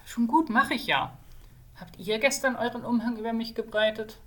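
Whiny, vain young male mage, a woman reading him, high and loud, plaintive. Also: fairly even intonation, normal speed, lightly acted. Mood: casual. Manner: whining, complaining.

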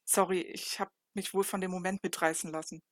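Lady voicing a shy blunt teen guy in an audiobook, low-ish voice, dry sound, short mumbled answers. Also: flat delivery, fairly quick, dry recording, close to an everyday voice. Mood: earnest. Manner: terse, mumbled, shrugging replies. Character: young man, teen boy, shy and blunt. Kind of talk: audiobook reading.

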